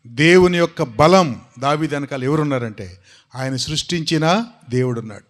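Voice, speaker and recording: A man preaching a sermon, telling a story with animation and calling out questions to his congregation. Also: medium pitch. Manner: animated storytelling, asks the congregation questions and urges them to shout.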